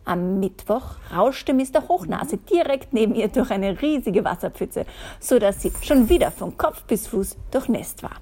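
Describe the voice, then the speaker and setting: A woman reading a picture book aloud in a soft, half-whispered way, with playful asides. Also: fairly high pitch, expressive, a little slow, husky. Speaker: reader.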